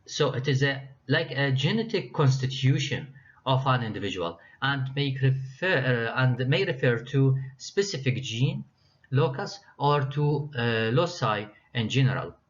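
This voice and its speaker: A man's voice: medium pitch, lively intonation, a little slow. A man lecturing university students, reading his slides with frequent hesitations and restarts. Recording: dull lo-fi lecture recording.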